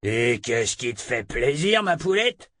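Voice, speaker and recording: Narrator putting on a big gruff brute, suspicious, growly, mid pitch, dry. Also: male voice, sing-song, measured pace, fairly bright tone, no room sound. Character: burly suspicious male thug, gruff. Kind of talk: audiobook character reading.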